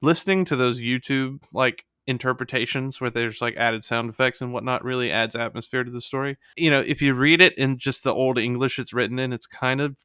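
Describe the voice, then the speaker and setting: A man's voice: mid-range voice, fairly even intonation, brisk, hardly any pauses, pushed and bright, smooth, no room sound, clean studio sound. A young man co-hosting a podcast, chatting casually and enthusiastically, rambling with lots of "like". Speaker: podcast co-host.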